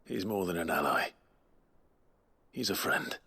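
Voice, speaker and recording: An actor playing a grave, steady swordsman in a video game, with a husky voice. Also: deep voice, unhurried, heavily acted. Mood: earnest. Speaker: game protagonist.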